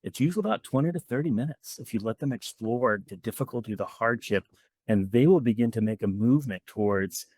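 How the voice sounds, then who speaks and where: A man's voice: medium pitch, lively intonation, a little fast, a little mellow, no room sound. A man who is a podcast guest, explaining ideas earnestly through stories in a conversational interview, close to the mic. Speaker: guest speaker, debriefer of fieldworkers.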